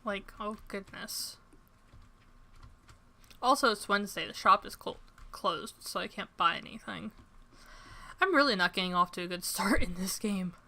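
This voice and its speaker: A young woman streaming a farming game, chatting to her viewers at a desk mic. Her voice is bright and forward, with self-deprecating asides, and keyboard typing clicks behind her. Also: medium pitch, normal speed, long pauses. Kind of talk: casual gameplay commentary.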